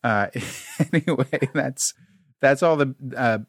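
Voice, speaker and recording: A man's voice: mid-range voice, takes it slowly, no echo, clean studio sound. A man co-hosting a podcast, talking casually with many fillers and restarts as he reads out show business. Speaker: podcast co-host.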